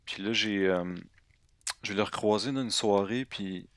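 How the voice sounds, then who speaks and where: A man in his twenties speaks with a Québécois French accent in a dry, close-sounding recording. His comedic monologue drifts and stalls, full of fillers and restarts, at an unhurried crawl in a fairly low register. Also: a bit bright, smooth, no room sound. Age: 20s. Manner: rambling, hesitant, slangy, with many fillers and restarts. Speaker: vlogger.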